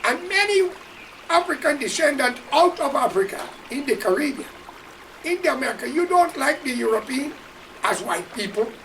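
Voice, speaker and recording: A man's voice: extremely high pitch, big pitch swings, moderate pace, pushed and bright, distant mic, a little hiss or hum, poor audio. A man from Guyana with a Guyanese accent, delivering an impassioned, preachy political monologue straight to his listeners. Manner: preachy, emphatic, addresses listeners directly. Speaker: political commentator.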